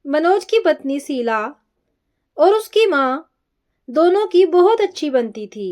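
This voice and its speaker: Slow, high-voiced woman storyteller. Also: sing-song, a little mellow. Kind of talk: scripted story narration.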